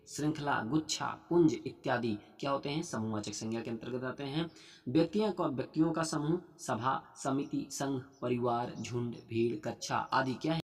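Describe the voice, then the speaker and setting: Husky young guy teaching an exam prep class, reads mcq options then explains, keeps saying friends. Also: mid-range voice, a little mellow. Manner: reads multiple-choice questions, then answers them with explanations; addresses students as "saathiyon" over and over. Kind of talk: online exam-prep lesson.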